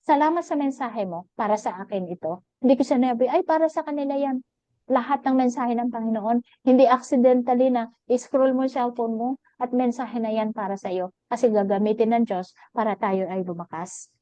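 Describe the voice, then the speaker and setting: A woman's voice: on the high side, fairly even intonation, fairly quick, mellow, no room sound, highs cut off. Fervent woman pastor testifying. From Philippines. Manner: fervent testimony, quoting her own prayers. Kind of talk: Bible study preaching.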